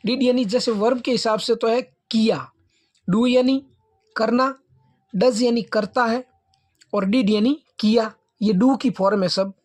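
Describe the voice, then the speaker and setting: Slow, patient woman spelling out English words. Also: a little high, fairly even intonation, darkish tone. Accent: Indian English. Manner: spells words letter by letter, then says them. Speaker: English teacher.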